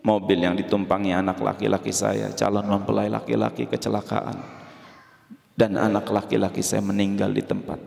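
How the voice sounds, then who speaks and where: A man's voice: on the low side, level tone, moderate pace, gravelly, darkish tone, pitched below the performer's own voice. A man voicing a grieving middle-aged father who breaks somber news. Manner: heavy, somber. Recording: echoey hall.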